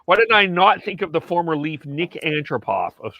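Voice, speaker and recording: A man's voice: fairly high pitch, very animated, moderate pace, gravelly, dull audio. A man hosting a hockey podcast in casual chat, fumbling and poking fun at himself. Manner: fumbling, self-mocking. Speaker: podcast host.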